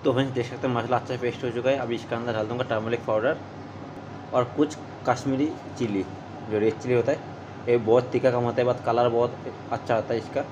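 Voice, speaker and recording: A man talks his viewers through a home recipe in a relaxed, chatty way, explaining each step as he goes. His voice sits at an ordinary pitch. The kitchen recording carries clear background noise, with traffic audible from outside. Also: fast. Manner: chatty, step-by-step, keeps saying "friends". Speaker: cooking vlogger. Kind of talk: casual cooking narration.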